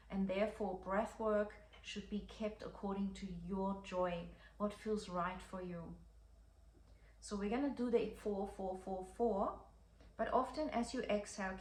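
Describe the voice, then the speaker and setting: A woman breathwork teacher giving instructions for a breathing practice in a reassuring, encouraging, unforced manner. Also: medium pitch. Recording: echoey room, faint background noise.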